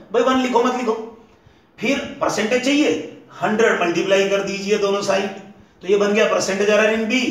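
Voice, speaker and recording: High-voiced male physics teacher, echoey. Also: a bit bright. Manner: rhythmic, repeats formulas step by step, tells students to breathe deeply. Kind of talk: classroom revision lecture. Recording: echoey room, voice from far off.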